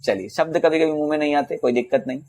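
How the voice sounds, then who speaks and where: Male physics teacher, casual lesson, slightly high voice, slow when reading questions. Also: creaky, darkish tone. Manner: casual, addresses students as bhaiya and beta; reads English questions slowly. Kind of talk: exam problem-solving lesson.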